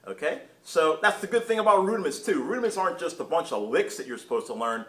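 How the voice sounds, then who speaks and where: A man teaching a drum lesson in a relaxed, chatty way, scatting patterns aloud as he plays. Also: fairly high pitch, quick pace. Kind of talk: casual video lesson. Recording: roomy with drumming behind. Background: drumming.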